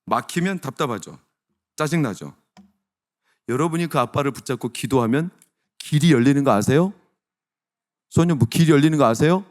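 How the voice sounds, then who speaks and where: A middle-aged male pastor preaching a sermon, animated and repeatedly asking the congregation direct questions. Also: medium pitch, moderate pace, pauses often.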